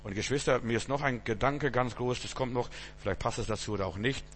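A man preaching a sermon, swinging between loud emphatic bursts and low quiet asides. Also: quick pace, big-room sound, a little hiss or hum.

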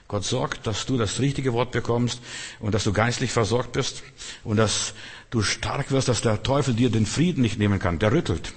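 A man preaching a sermon in an earnest way, acting out quotes and dropping to soft tones. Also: medium pitch, normal speed, husky. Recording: long reverb in a large hall.

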